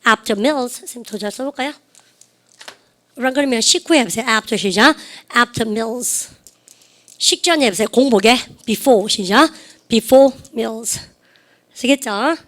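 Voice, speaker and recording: A woman teaching English in a classroom who drills phrases and has students repeat them. She says her model sentences slowly and draws them out. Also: fairly high pitch, fairly bright tone. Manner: slow, drawn-out model sentences. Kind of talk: classroom lecture.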